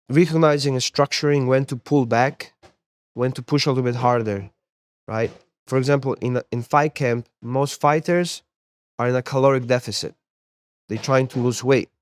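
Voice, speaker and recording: A young Polish-born man who works as a sports therapist and MMA coach speaks casually as an interview guest, his voice medium in pitch and recorded dry. He stays relaxed, often repeating words while he thinks of what to say.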